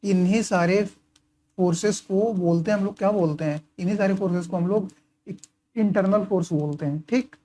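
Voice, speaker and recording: Man, engineering tutor, casual lecture, mellow dark tone, asks and answers his own questions, frequent okay and right, highlights notes as he talks. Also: normal speed. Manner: writes and highlights while talking. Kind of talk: casual lecture explaining course material.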